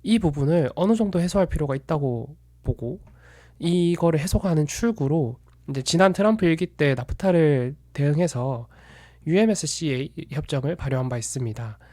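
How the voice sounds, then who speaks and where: A man calmly walking through his own view of markets in a solo commentary, measured and analytical, sometimes stopping to correct himself. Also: fairly high pitch, no room sound, studio quality. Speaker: investment commentator.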